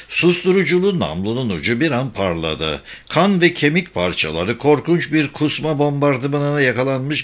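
A man narrating a crime novel audiobook in a steady, even reading. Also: mid-range voice. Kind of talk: scripted narration.

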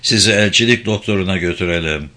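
A man playing a calm commando captain who gives curt, commanding orders. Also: low voice, fast, voice pushed down. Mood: reassuring.

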